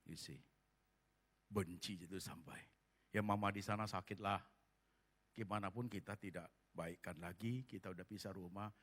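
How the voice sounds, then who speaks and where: A man preaching a sermon as pastor, swinging from hushed murmurs to loud emphatic bursts and dropping English words into his speech. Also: sits low, normal speed, long pauses. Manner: acts out quoted voices of congregants.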